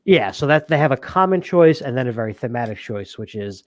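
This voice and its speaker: A man's voice: mid-range voice, animated, brisk, dry recording. A man co-hosting a casual board game podcast, rambling with many fillers and frequent laughs. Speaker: podcast co-host. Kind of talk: casual chat.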